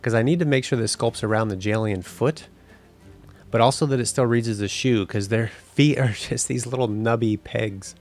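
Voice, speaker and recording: Gravelly-voiced man explaining 3D modeling. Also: mid-range voice, moderate pace, faint music behind. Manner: relaxed, explanatory. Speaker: 3D game artist. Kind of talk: tutorial voice-over narration.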